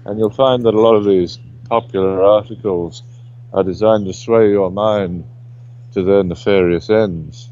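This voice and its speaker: A man's voice: lowish voice, dark tone. A man giving casual commentary as a remote guest analyst, wry and dryly humorous, over a muffled call line. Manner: wry, dry humour, says mate.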